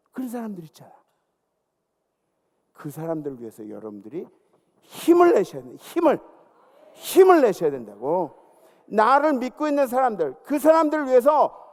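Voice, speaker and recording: A male pastor preaching a sermon, exhorting and calling out to his congregation. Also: sits high. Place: large church sanctuary. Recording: long church hall reverb.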